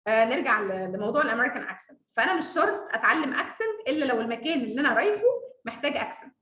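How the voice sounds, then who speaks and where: An Egyptian woman with an Egyptian Arabic accent, teaching English in a confident, lively, casual online lesson and laughing often. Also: high-pitched, very fast, roomy sound.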